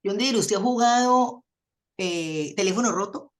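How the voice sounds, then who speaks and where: A woman with a Colombian accent, a theologian guest in a radio interview, explaining with animated stories and folksy sayings. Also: mid-range voice, unhurried.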